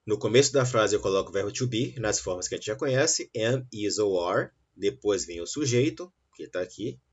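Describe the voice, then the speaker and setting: A man teaching an English lesson, saying model sentences slowly and clearly between quicker explanations. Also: on the low side, expressive. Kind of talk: online English lesson for Portuguese speakers. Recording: dull, lo-fi sound.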